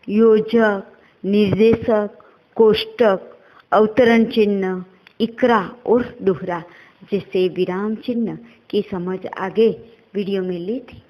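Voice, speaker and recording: Woman teacher, slow and steady delivery, plain explaining tone. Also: medium pitch, low-quality recording. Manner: explains slowly, reads out examples one by one. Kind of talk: Hindi grammar lesson.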